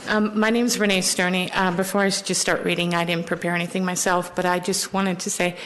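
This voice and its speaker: A woman's voice: fairly low pitch, level tone, brisk, a bit bright, a little hiss or hum, poor audio. Emotional, hesitant American woman. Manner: emotional, hesitant, with many fillers. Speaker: public commenter. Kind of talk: public comment, partly reading aloud.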